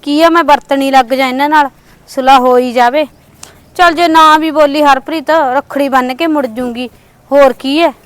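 A woman's voice: high-pitched, steady tone, moderate pace, lightly acted. A woman playing an anxious young married sister who hesitantly thinks aloud in a family short drama. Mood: hopeful. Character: anxious young married sister wanting to visit her brother. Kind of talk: family short-video acting.

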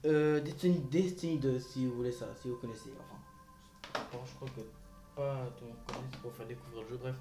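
A man's voice: medium pitch, fairly even intonation, fairly quick, music in the background. A man hosting a casual gaming tutorial vlog, hesitant and rambling, with many fillers and restarts, recorded on a phone. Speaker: gaming video host.

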